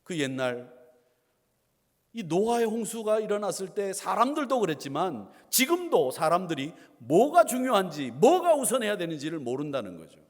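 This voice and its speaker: A man's voice: high-pitched, very animated, moderate pace. Man preaching in a reverberant church. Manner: preaching with rhetorical questions and playful asides to the congregation. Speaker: pastor. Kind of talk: sermon. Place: church sanctuary. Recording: long church hall reverb.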